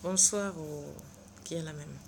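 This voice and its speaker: A woman's voice: low-pitched, unhurried. Tired middle-aged woman vlogger, dramatic storyteller who acts out the dialogue, faint noise behind. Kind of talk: animated storytelling vlog. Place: at her workplace.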